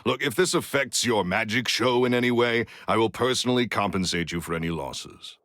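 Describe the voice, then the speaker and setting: Guy voicing gruff bossy older magician man in a game, deep booming voice, impatient, kinda roomy sound. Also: a little fast, a bit bright, studio quality, lightly acted. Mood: irritated, dismissive. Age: middle-aged. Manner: curt, domineering, hard-nosed. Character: gruff, impatient, foul-mouthed former stage magician in his late thirties. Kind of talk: video game voice acting.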